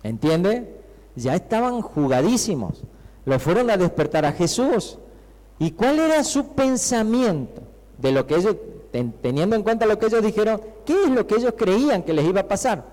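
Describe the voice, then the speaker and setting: A male pastor with an Argentine accent preaches in a fairly high voice, drawing the congregation in with rhetorical questions and acted-out cries. His voice carries a long reverb from the church hall around him. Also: sing-song, moderate pace. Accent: Argentine Spanish. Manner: conversational preaching, rhetorical questions, acts out shouting disciples. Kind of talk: sermon.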